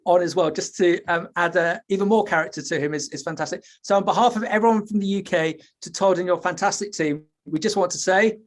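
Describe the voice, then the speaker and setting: A man's voice: high voice, quick pace, hardly any pauses. A British man chatting as a guest on a podcast, earnest and hesitant, with many restarts. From United Kingdom. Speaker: podcast guest, school presenter. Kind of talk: casual chat.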